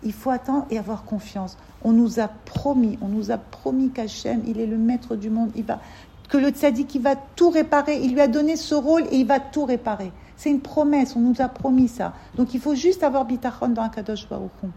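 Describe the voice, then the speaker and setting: A woman teaching an informal religious class to a group of women, animated, repeating words and acting out little dialogues as she explains. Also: on the high side, a little fast, dull audio.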